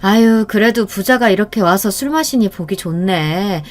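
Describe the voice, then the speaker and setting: A woman voicing a friendly older mother who runs a pub and chats warmly with customers. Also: mid-range voice, normal speed, natural voice. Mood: cheerful. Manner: friendly, hospitable chatter.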